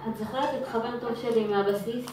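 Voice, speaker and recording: A woman's voice: fairly high pitch, fairly even intonation, natural voice. A young woman playing an idealistic daughter who has become a soldier and speaks earnestly, in a live stage skit. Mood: frustrated. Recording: echoey hall, distant mic, loud audience noise.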